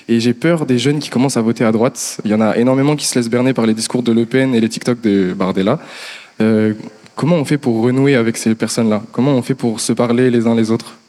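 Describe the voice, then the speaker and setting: A man's voice: medium pitch, steady tone, fast talker, mellow, in a large hall. A young man hosting a political discussion show, asking earnest questions of his guest. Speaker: show host interviewer.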